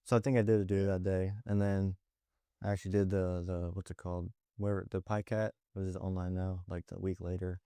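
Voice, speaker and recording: A young man talks in a relaxed, open way on a podcast. His voice is lowish, mellow and smooth, recorded close and dry. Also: brisk, no echo. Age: young adult. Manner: relaxed and candid, with many likes and restarts. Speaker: podcast co-host and Navy recruit. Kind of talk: casual reflective chat.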